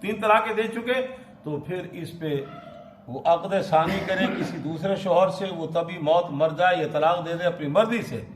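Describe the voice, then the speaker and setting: In an echoey mosque hall with faint noise, a man with a high voice and Pakistani Urdu accent speaks unhurriedly. He recites Arabic Quran verses and explains them in a sermon, posing questions to the congregation.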